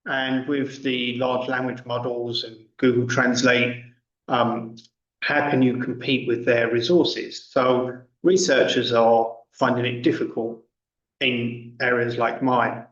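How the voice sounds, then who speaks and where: A man presenting academic research at an online conference, halting, with long pauses. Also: mid-range voice, level tone, a bit bright. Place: indoors, online video conference call. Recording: roomy, distant, dull online call audio.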